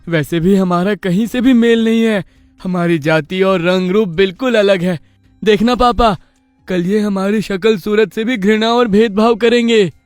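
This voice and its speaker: A man's voice: high voice, a little slow, no room sound, soft background music. A man doing Moti, a bitter young calf. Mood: resentful. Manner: bitter and resentful. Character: angry jealous young male calf.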